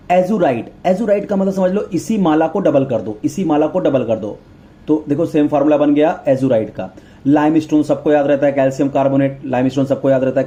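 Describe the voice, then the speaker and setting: A man's voice: mid-range voice, warm tone, lo-fi sound. A male teacher giving an exam-prep chemistry lecture, repeating terms and mnemonics and calling students "beta".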